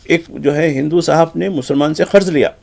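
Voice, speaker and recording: A man with a Hyderabadi Urdu accent giving conversational news commentary on the papers, animated, acting out the exchanges he quotes. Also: creaky. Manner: animated, acts out quoted exchanges with shifts in pitch. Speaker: news commentator reviewing newspapers.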